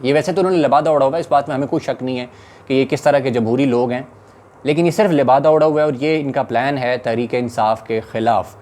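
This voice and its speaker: A man's voice: medium pitch, quick pace, darkish tone. A man with a Pakistani Urdu accent giving urgent, indignant political commentary.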